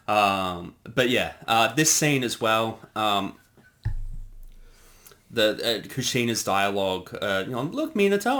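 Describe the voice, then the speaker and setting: This man, co-hosting a relaxed creator commentary on a parody series he directed, has a lowish voice with a fairly bright tone. He rambles, filling his speech with fillers and frequent restarts.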